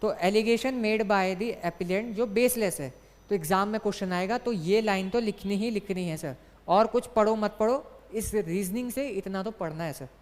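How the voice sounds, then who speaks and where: A woman's voice: mid-range voice, normal speed, darkish tone. A woman teaching an online exam class, explaining step by step and asking and answering her own questions. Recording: long hall reverb.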